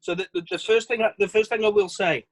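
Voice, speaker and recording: A man's voice: sits high, fairly even intonation, fast talker, poor audio. A man leading a sales training on a video call, chatty and self-deprecating, often restarting his phrases. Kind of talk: virtual training session.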